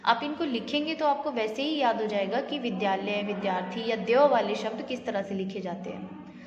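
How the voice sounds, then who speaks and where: A woman's voice: on the high side, normal speed, crowd noise. A woman teaching a grammar lesson, asking her students questions and then answering them herself, with English words mixed in. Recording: echoey room, slightly dull audio.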